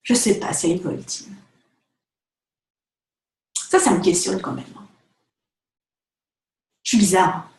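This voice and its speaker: A woman talking casually to the camera as a vlogger and photographer, chatty and animated, filling her talk with asides and fillers. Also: lowish voice, unhurried, creaky, pauses often. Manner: chatty, animated, direct address with many fillers. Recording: echoey room.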